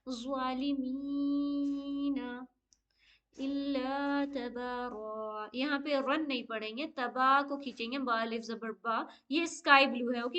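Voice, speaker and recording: High-voiced woman teaching recitation. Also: bright, forceful tone, lo-fi sound. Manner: patient, explains step by step, often says okay; slow drawn-out chanted Arabic recitation. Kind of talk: online tajweed lesson.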